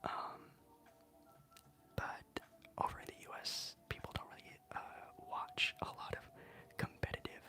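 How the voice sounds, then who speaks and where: An ASMR streamer whispering softly and chattily while answering live chat questions. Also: measured pace, long pauses. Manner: soft, unvoiced whisper with chatty fillers.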